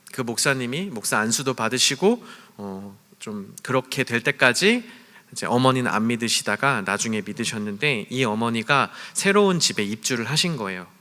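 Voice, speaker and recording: A man preaching a sermon to a youth group, telling stories and acting out the lines he quotes. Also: medium pitch. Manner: storytelling, acts out quoted lines with shouts and whispers. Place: church hall. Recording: long church hall reverb.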